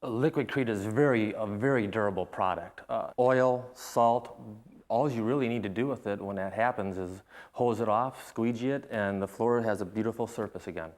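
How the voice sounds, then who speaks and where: Low-voiced man explaining, somewhat halting. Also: a little mellow. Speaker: interviewed flooring company representative. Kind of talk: explanatory interview talk.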